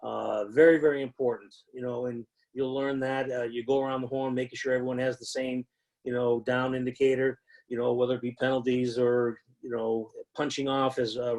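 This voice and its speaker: A man's voice: mid-range voice, a little mellow, low-quality recording. A man teaching new football officials in a conversational way, with frequent fillers and repeated emphasis. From United States. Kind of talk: instructional talk.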